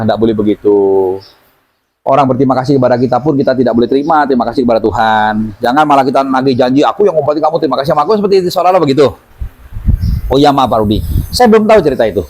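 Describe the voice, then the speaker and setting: A man teaching an audience as a healing therapy instructor, telling stories lively and acting out the voices of the people in them. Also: mid-range voice, poor audio. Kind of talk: seminar talk to an audience.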